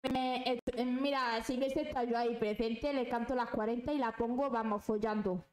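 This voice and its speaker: A woman's voice: fairly high pitch, steady tone, normal speed, darkish tone, echoey room, rough recording. A young woman ranting angrily and swearing while chatting on a live stream. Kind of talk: casual live-stream chat.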